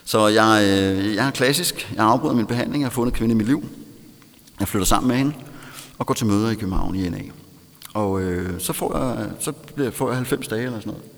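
A man with a Danish accent telling a candid personal story in a self-mocking way, laughing often. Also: on the low side. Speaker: storyteller recounting recovery. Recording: long hall reverb.

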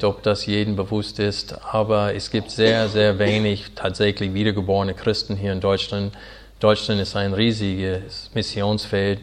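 A pastor in his forties from Arkansas, with an American accent and English as his first language, preaching in earnest, halting German full of fillers. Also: on the low side. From Arkansas, USA. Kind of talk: sermon.

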